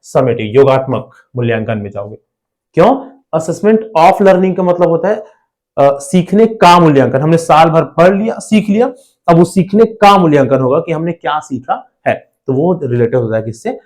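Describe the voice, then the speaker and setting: A man with an Indian accent, his voice sitting slightly high, teaching an exam prep class. He works through answers step by step and keeps asking his students short rhetorical questions. He slows down and draws out the key terms to stress them. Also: animated, a little mellow.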